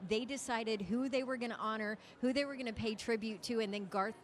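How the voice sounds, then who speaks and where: A woman's voice: fairly high pitch, steady tone, a little fast, slight background noise. Gushing female red carpet host. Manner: gushing, upbeat presenter talk. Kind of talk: live red carpet broadcast chatter. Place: outdoors at a red carpet event.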